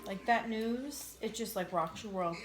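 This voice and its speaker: A woman's voice: medium pitch, measured pace. A woman chatting informally as she co-hosts an eating show, repeating phrases in a loose, casual way. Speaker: mukbang co-host. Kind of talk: casual chat while eating, answering viewers. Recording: roomy, echoey indoor sound.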